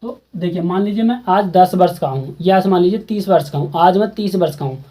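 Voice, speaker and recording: Working through a school maths exercise from the textbook, a Hindi-accented teacher speaks fairly quickly in a high, mellow voice, going over steps again and quizzing his students casually. The recording is rough.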